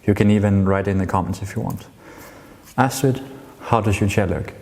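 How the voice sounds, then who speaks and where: A man's voice: on the low side, normal speed, darkish tone, slight background noise. A young man giving a chatty, informal amateur lecture, talking directly to his listeners. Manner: chatty, addresses audience directly. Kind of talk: informal lecture to a small audience. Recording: long hall reverb.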